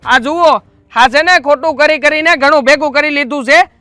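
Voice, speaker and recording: A shrill, taunting younger village brother. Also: male voice, normal speed, bright, forceful tone, no echo. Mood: bitter. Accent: Kathiawadi Gujarati. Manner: taunting and accusing. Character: sharp-tongued jobless younger village brother, accusing. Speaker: younger brother accusing his brother. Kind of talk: rural family drama acting.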